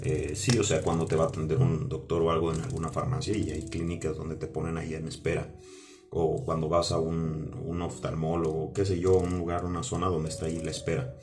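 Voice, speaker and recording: A man from Mexico, giving a personal religious testimony in a halting, repetitive way and often checking in with "ok?". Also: a bass voice, little pitch movement. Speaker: testimony speaker. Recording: music playing under the voice.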